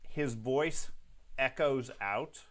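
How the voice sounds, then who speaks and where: Calm male game master. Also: medium pitch, drawn-out words. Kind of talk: running a tabletop game.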